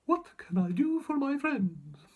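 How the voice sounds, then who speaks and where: A man voicing a small, squeaky female mouse queen, brisk and helpful, in a storybook reading. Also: big pitch swings, a little mellow, exaggerated voice. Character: squeaky little old-world Queen of the field mice, brisk and helpful.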